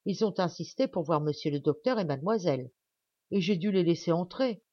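A woman's voice: lowish voice, expressive, fairly quick, warm tone, dry recording, muffled recording. A woman voicing a flustered young housemaid with an anxious, breathless delivery.

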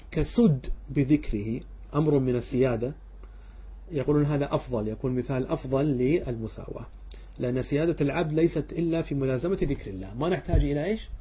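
A man's voice: medium pitch, breathy edge. A man, a sheikh, giving a classroom lecture that explains a text line by line, asking his students questions and answering them himself. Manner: checks understanding with short asides. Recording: dull lo-fi lecture recording.

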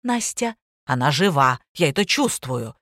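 A woman's voice: deep voice, lively intonation, measured pace, no echo, clean studio sound. A woman reading an audiobook, voicing a stubborn, aging woman who speaks solemnly and insistently.

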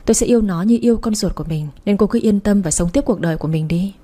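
A woman voicing a calm, cold wife who keeps the child and speaks in a cutting tone. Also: mid-range voice, quick pace, lightly acted. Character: cold, composed wife taking in the baby.

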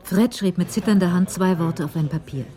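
Narrating a crime radio play, a woman takes a literary, measured approach to the story. She speaks in a very low, dark voice with soft edges.

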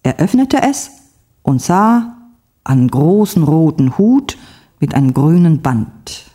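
Woman narrator, textbook story reading, careful, expressive, dark tone, lively pitch. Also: slow, slightly rough.

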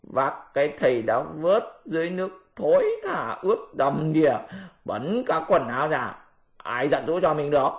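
A man's voice: fairly high pitch, lively intonation, normal speed, gravelly. A man voicing a lazy, sly pig-monk disciple who grumbles and schemes. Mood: grumbling.

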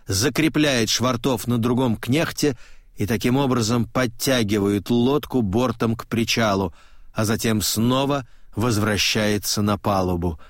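A man narrating an audiobook in a calm, measured, even way. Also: medium pitch, dry recording, studio quality. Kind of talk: scripted narration.

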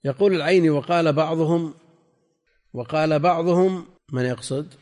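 An older man teaching a classical text lesson, reading passages slowly, repeating and spelling out word forms, and putting questions to his students. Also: on the high side, darkish tone. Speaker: sheikh teaching hadith commentary. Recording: lecture hall with long reverb.

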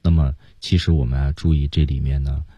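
A singing coach co-hosting a radio lesson explains singing technique step by step, singing short phrases to demonstrate. His very deep voice is steady, brisk, dark and slightly rough, in a lo-fi recording with no echo.

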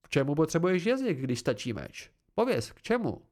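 A man reading the part of a stern, demanding female combat teacher who lectures in sharp questions. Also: fairly high pitch, very animated. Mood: stern lecturing.

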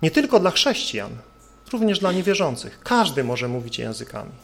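A man's voice: on the high side, big pitch swings, normal speed, creaky. A male preacher delivering an earnest sermon, building his points with rhetorical questions.

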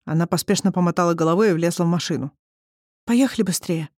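An audiobook narrator reading a novel chapter in an even storytelling manner. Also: medium pitch, rapid-fire, dry recording, studio quality. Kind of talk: scripted narration.

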